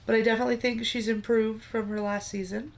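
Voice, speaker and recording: A woman's voice: fairly high pitch, little pitch movement, quick pace. A woman, tired and yawning, chatting dryly and teasingly with her co-host. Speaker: livestream co-host. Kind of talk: casual chat.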